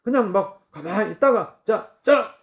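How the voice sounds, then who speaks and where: High-voiced man preaching emphatically. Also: expressive, unhurried, vocal fry. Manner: repetitive, emphatic preaching with many fillers. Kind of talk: sermon.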